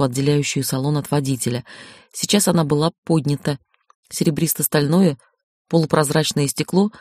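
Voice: mid-range voice, a little mellow, no room sound, clean studio sound. An audiobook narrator reading a first-person novel in a wry, emotional inner-monologue manner.

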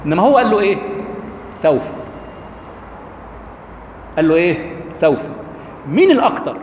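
An Egyptian man lectures with a high voice that swings widely up and down. He keeps throwing questions to his audience as he explains. The sound is roomy, with a long hall reverb and a faint hum behind him. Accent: Egyptian Arabic. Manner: lively, rhetorical questions to the audience. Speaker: lecturer on Quranic rhetoric. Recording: echoey hall, faint background noise.

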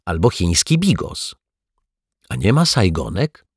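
A man's voice: low voice, wildly swooping pitch, a little slow, husky, no room sound, studio quality, exaggerated voice. A man voicing a curious, fussy detective in a children's storybook reading, asking puzzled questions. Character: curious, fussy male detective, quietly bewildered.

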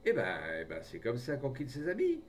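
A man voicing a gruff, half-peasant older man who talks in a loud, rustic, blustering way, recorded from a distance with a faint rumble behind. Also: wildly swooping pitch, fairly quick. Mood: bantering.

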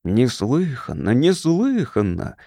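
A man's voice: medium pitch, huge pitch swings, slow, warm tone, no room sound, clean studio sound, full character voice. A man voicing a chorus of spiteful old Martian witches who gossip and hiss in a storybook reading. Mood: mocking. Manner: gossiping, hissing.

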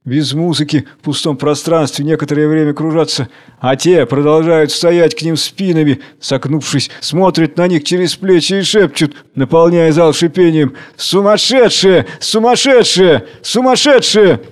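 A man reads stage directions in a measured, solemn way. His voice sits a little high for a man. This is a dramatic reading. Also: fairly even intonation, darkish tone. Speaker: reader.

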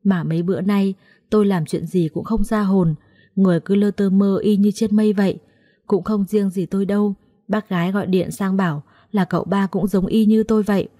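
A woman narrates a first-person audiobook story in a lively, chatty storytelling manner. Her voice is warm and mellow, with an ordinary middle pitch. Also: fairly quick.

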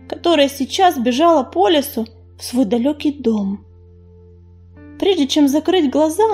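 Woman audiobook narrator, high, mellow tone, calm and expressive. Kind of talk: scripted narration.

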